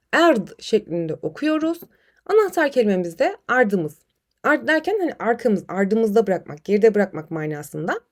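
Woman, vocabulary teacher, fairly high voice, animated intonation, friendly classroom tone. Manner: lively, addresses students as friends, reads dialogues aloud. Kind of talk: online lesson with memory techniques.

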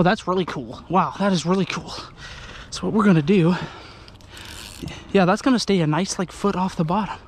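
A young man with a high-pitched voice vlogs from a small boat on a lake, chatting and explaining his fishing rig as he works. It is casual fishing vlog narration captured on an action camera on the boat, with slight background noise.

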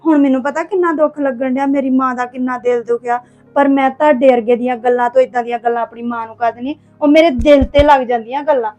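An earnest young woman, acted by a woman, pleading with a friend in a high voice. Soft music plays faintly behind her in an amateur family web drama. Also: fairly even intonation, fast, lightly acted. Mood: hurt. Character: young woman from a poor home, hurt by gossip.

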